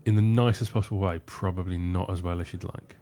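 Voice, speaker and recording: A man's voice: low-pitched, steady tone, fast, dark tone. A man co-hosting a radio show, chatting casually and telling stories in a hesitant, rambling way. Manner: rambling, hesitant storytelling with restarts and put-on voices. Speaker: radio co-host. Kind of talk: casual banter. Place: radio studio.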